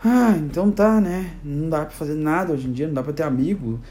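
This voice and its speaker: A man's voice: a little high, brisk, mellow, natural voice. A man voicing a sad, lonely male pet tiger who mumbles his complaints. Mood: sulky.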